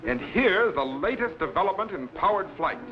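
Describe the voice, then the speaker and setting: Music plays behind a dull vintage recording of an authoritative time-traveling captain. His fairly high male voice is formal and instructive, swooping with old sci-fi serial showmanship. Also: expressive, normal speed. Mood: proud, instructive. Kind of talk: 1950s television sci-fi serial acting.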